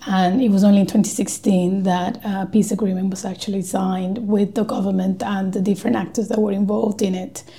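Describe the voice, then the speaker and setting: A woman from Colombia with Spanish as her first language, speaking as a guest researcher in a podcast interview, measured and thoughtful with frequent pauses. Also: mid-range voice, flat delivery, warm tone, reverberant.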